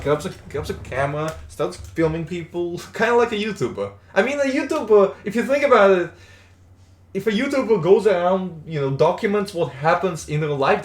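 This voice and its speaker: This rambling young streamer is a man from Latvia who speaks Russian as his first language, his voice a little high. He keeps up casual, chatty live-stream talk while gaming, restarting often, and the recording has a roomy echo.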